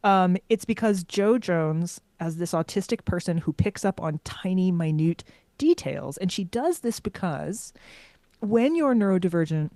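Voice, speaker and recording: A woman's voice: lowish voice, animated, measured pace, dark tone, dry recording. A middle-aged American woman author answering interview questions in a rambling way, often restarting her sentences. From United States. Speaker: author guest.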